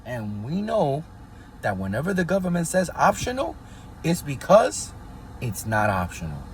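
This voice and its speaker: A man's voice: fairly high pitch, huge pitch swings, normal speed, a little hiss or hum. A man hosting a casual commentary vlog, talking in a conspiratorial tone and constantly checking in with his viewers. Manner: conspiratorial, keeps asking "right?" and hedging "allegedly". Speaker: channel host.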